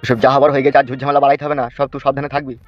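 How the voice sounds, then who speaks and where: A wounded cartoon father, voiced by a man who keeps hushing and warning his son. He speaks at a very fast pace. The recording sounds dull and lo-fi. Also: mid-range voice, completely flat delivery, soft background music, lightly acted. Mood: anxious. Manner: hushing, pleading caution. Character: wounded worried father in hospital.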